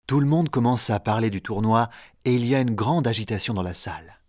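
A man reading a storybook aloud in slow, clear, even narration for learners. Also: medium pitch, dry recording, studio quality. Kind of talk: scripted audiobook narration for learners.

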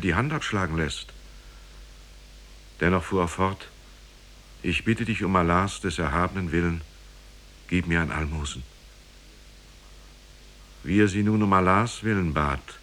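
A male actor with a low-pitched, fairly bright voice plays a grave storyteller in a 1950s German radio play, reciting an old parable in a solemn, measured and formal manner.

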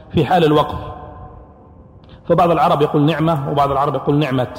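A man's voice: a little high, darkish tone. Male scholar lecturing in an echoey hall. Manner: explanatory, asks and answers his own questions. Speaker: Islamic scholar teaching Quran sciences. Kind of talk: classroom lecture.

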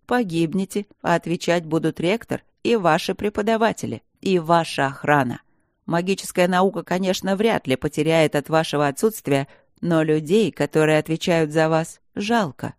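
A woman's voice: low-pitched, normal speed, dry recording. Woman doing a cold sarcastic professor. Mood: harsh. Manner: dry, cutting, lecturing. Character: stern cold male professor, harsh and sarcastic.

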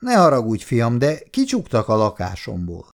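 A man's voice: mid-range voice, huge pitch swings, creaky. Male reader doing older dad, hearty and bossy. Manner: hearty, commanding. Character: older man, jovial, bossy father.

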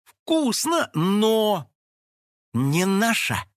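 A man voicing an eager female sidekick sleuth creature in a children's audio story, with a squeaky high voice. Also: sing-song, extremely slow, no echo, studio quality, exaggerated voice. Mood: puzzled.

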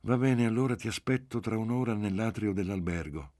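A man voicing a reserved young man who answers calmly and tersely, in an audiobook reading. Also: lowish voice, a little fast, no echo, studio quality, pitched above the performer's own voice, lightly acted. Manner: calm and terse.

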